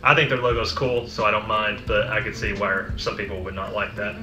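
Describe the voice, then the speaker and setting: A man with a fairly low voice talks through a casual product review. The room sounds echoey, and music plays behind him. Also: little pitch movement, a little fast. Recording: roomy echo, music behind.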